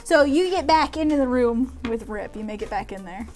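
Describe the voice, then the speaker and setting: A woman's voice: on the high side, animated, a little fast, darkish tone. A woman narrating a tabletop game as game master in a casual way, with fillers and laughs.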